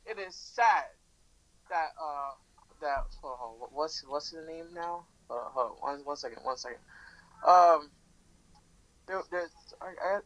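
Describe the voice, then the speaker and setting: A man's voice: fairly high pitch, unhurried, pauses often, a bit bright, low-quality recording. A twenty-one-year-old man chatting casually as a guest, rambling and restarting his sentences often. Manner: rambling with many restarts and fillers. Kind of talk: casual podcast chat.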